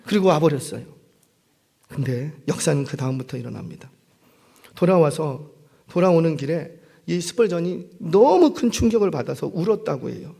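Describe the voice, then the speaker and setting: A middle-aged male pastor preaching a sermon, telling a story and acting out its characters with shifting voice and loudness. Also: on the high side, animated, normal speed, creaky, slightly rough. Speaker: senior pastor.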